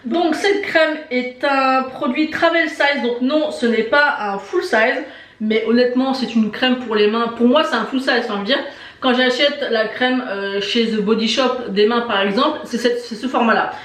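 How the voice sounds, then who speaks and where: A woman's voice: fairly high pitch, normal speed, a bit bright, recorded from a distance. Chatty woman unboxing beauty products. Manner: chatty, enthusiastic, many fillers and repeated "très très". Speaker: beauty vlogger. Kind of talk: casual unboxing review. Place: indoor room with shelves of lipsticks behind. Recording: echoey room.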